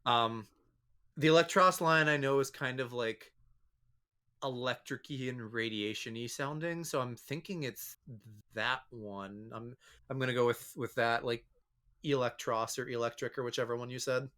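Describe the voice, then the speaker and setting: A young man as a guest in a casual gaming chat, thinking aloud with fillers and making squeaky sound effects. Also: moderate pace, pushed and bright, smooth.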